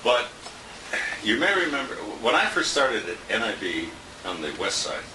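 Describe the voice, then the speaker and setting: A man with a medium-pitched voice and big swings in pitch speaks at a moderate pace, paying informal tribute to a radio colleague at a restaurant dinner. He rambles through anecdotes, chuckling as he goes. The distant handheld compact camera makes the indoor audio roomy and noisy.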